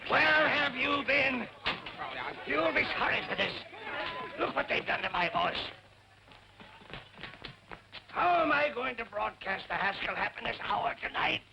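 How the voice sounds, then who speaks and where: An actor playing a blustering, cantankerous older businessman with a hoarse, cracking voice, in 1940s screwball comedy banter. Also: extremely high pitch, expressive, normal speed, lo-fi sound, heavily acted. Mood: flustered outrage. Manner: indignant, blustering. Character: blustering, cantankerous older businessman uncle who hates music. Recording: noisy, crackly 1940s film soundtrack.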